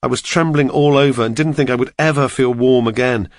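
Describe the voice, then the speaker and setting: A man narrating an audiobook in the first person, steady and measured. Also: medium pitch, no echo, studio quality.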